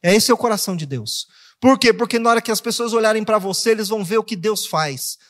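A Brazilian man delivers a sermon with lively, theatrical energy, slipping into quoted voices to make his point. His voice sits high for a man. The sound carries a long reverb, as if from a large church hall. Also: fast talker. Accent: Brazilian Portuguese. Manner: animated preaching, acts out quoted voices and jokes. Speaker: pastor.

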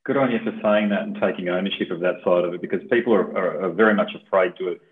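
A man with a lowish voice interviews a musician, firing off questions at a brisk pace. His voice comes through a thin, phone-like line. He talks in a loose, chatty way.

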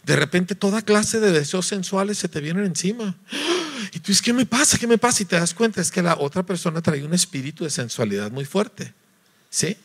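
A man from Mexico, preaching a lively sermon, acting out voices and asking his listeners to agree. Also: high-pitched, a little fast. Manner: animated, acts out voices, sings notes, asks listeners "¿verdad?".

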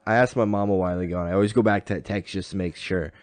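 A man's voice: sits low, steady tone, racing, darkish tone, dry recording. A young man in casual group chat, ranting with exasperated swearing and joking with friends. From New York.

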